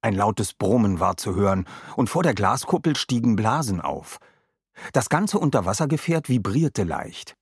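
A man reads a children's adventure story with a husky voice and an animated, swinging melody. His voice is mid-pitched, and the recording is dry and close. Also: normal speed, no room sound. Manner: lively storyteller. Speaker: narrator.

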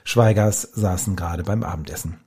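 A man narrating a story in steady scripted audiobook style. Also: low voice, normal speed, breathy edge.

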